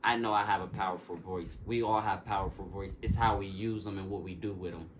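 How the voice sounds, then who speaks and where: This man, a guest in a casual interview, talks about addiction from the perspective of recovery. His voice is low and steady, a little fast, and he speaks earnestly and emphatically with preacher-like repetition. The recording is noisy, with clicks.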